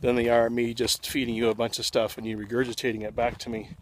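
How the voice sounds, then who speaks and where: A male online course instructor giving a relaxed, conversational lecture to his students, slightly out of breath, with plenty of ums and uhs. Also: medium pitch, quick pace, low-quality recording. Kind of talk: casual lecture to students, recorded on a phone. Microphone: phone recording. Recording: phone recording with clear traffic noise outdoors.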